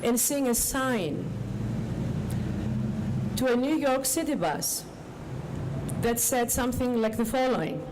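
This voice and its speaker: A woman giving an informal public speech as a guest official, in deliberate, halting short phrases. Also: fairly high pitch, expressive. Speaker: government agency director, guest speaker. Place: outdoors on a public street. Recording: outdoor street with loud traffic noise. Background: clear traffic noise.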